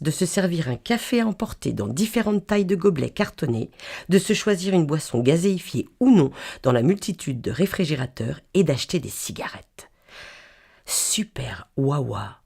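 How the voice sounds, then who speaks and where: Low-voiced woman reading a wry story. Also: creaky, mellow, husky. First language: French. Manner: wry, playful, mimes accents and sounds. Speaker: reader of a humorous column. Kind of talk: humorous first-person read chronicle.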